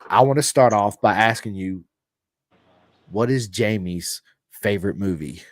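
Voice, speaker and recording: A man's voice: fairly low pitch, a little slow, dry recording. A man hosting a podcast interview, enthusiastic and chatty, often repeating himself and restarting his sentences. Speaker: podcast host. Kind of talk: casual interview.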